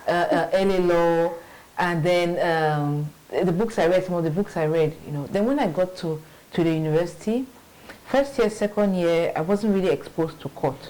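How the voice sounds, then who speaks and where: Her voice lowish and warm, a middle-aged woman talks through her career as a guest in a conversational interview, speaking at a moderate pace. She's a marketing manager and native English speaker who is reflective, restarts often, says "you know" frequently and laughs easily. The recording quality is low.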